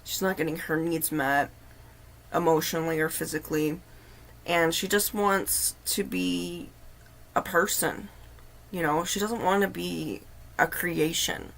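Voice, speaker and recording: A woman hosting a livestream, telling a personal story in an earnest, halting, confiding way. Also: on the low side, fairly even intonation, creaky, fairly bright tone. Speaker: livestream host. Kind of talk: casual storytelling.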